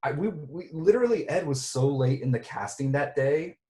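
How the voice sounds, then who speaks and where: A man's voice: fairly high pitch, lively intonation, normal speed, warm tone. A man reminiscing about casting in a casual reunion chat, rambling with many restarts and fillers. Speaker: director and writer. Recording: roomy echo.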